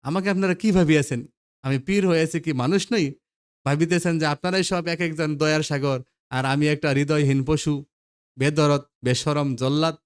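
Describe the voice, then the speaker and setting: A man's voice: medium pitch, a little fast, smooth, close to an everyday voice. A man voicing a proud, indignant older pir while reading a play aloud. He speaks in a stately, old-fashioned manner and breaks into aggrieved outbursts. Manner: stately archaic speech, rising to indignant outbursts.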